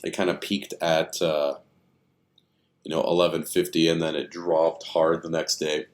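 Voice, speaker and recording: A man's voice: extremely low pitch, level tone, unhurried. A man giving casual, rambling commentary on stock charts, thinking aloud with many fillers, tired and yawning.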